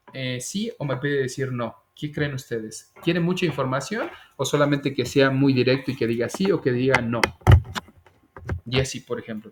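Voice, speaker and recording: A man teaching an English grammar class over a video call, patiently repeating example phrases slowly. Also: a little high. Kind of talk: online class explanation.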